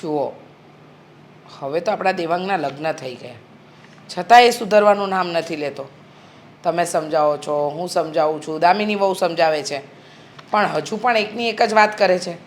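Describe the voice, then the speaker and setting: A woman's voice: lowish voice, moderate pace, long pauses, a little hiss or hum, close to an everyday voice. A middle-aged woman playing a worried mother complaining that her grown son won't change. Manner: weary, complaining. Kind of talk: family drama acting.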